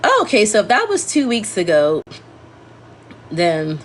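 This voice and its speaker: Speaking unhurriedly in a mid-range voice whose pitch swoops wildly, this congested, scratchy-throated woman hosts a casual livestream. Her talk meanders, she corrects herself, and she speaks to her viewers throughout.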